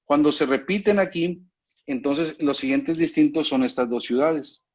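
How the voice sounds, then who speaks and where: A man, his voice sitting a little high, leads an online lesson over a video call. He explains patiently and keeps asking whether everyone is following. The sound is muffled and lo-fi, like call audio. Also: moderate pace. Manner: patient, explanatory, often checks in with students. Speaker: instructor. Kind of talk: online class lecture.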